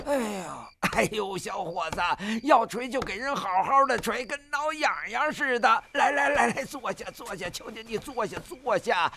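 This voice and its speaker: A man's voice: very high-pitched, expressive, moderate pace, vocal fry, few pauses, a crowd in the background, exaggerated voice. An actor in a period drama playing a sly, frail old man who groans and whines about his aches and begs for help. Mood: whining. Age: older. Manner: groaning, whining, wheedling.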